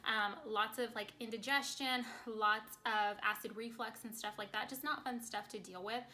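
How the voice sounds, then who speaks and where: A woman vlogger chatting casually to camera, congested and short of breath, talking very fast. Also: on the high side, steady tone, bright, forceful tone, slight background noise.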